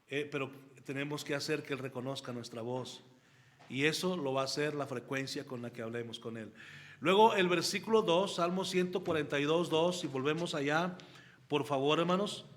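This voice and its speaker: High-voiced pastor teaching a Bible lesson. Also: male voice, a bit bright. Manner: addresses listeners as brothers, reads scripture aloud slowly. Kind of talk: Sunday school Bible teaching.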